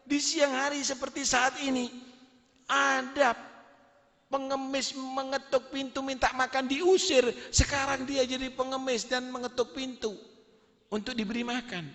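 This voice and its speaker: A man's voice: very high voice, little pitch movement, a little slow, a bit bright, big-room sound, voice pushed up. A man voicing a wailing, distraught young wife. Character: distraught young wife, former rich woman's partner.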